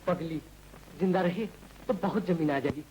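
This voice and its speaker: A man's voice: on the high side, moderate pace, darkish tone, slight background noise, natural voice, rough recording. A man playing a weary resigned farmer. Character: poor, weary farmer resigned to selling land. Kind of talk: 1940s film acting.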